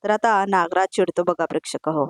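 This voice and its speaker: A woman's voice: on the low side, a little fast, no echo, studio quality. A woman narrating a voice-over recap of a TV serial, chatty and talking straight to the viewers. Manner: chatty, addresses viewers directly.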